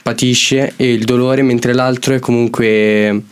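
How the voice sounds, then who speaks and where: A man's voice: medium pitch, unhurried, clean tone. Teenage boy reading a poem. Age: teens. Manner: hesitant when talking, steady when reading. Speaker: student reading his poem. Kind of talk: poetry reading.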